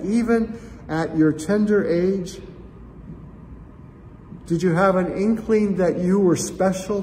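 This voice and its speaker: Seated facing a camera at chest height, an older man delivers a reflective sermon as pastor in a church sanctuary, addressing listeners as friends and gesturing while he talks. His voice is high with a darkish tone, surrounded by long church reverb and faint room noise.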